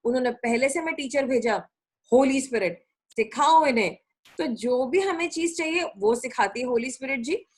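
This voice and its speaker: A woman's voice: high voice, moderate pace, breathy edge. A middle-aged woman preaching a sermon in a conversational way, repeating her points for emphasis. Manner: conversational Hindi-English mix, repetitive emphasis.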